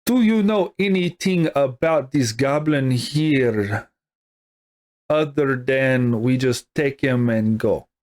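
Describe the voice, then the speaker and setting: A man's voice: medium pitch, slow, darkish tone, natural voice. A man voicing a wary jungle guide who talks in broken, clipped sentences. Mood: serious.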